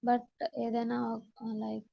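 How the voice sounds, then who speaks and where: A woman with a Telugu accent teaches as an instructor in a slide-based lesson, reading out points in Telugu and English and then explaining them with repetition. Her fairly high voice stays monotone at a measured pace, with vocal fry. The audio is dull.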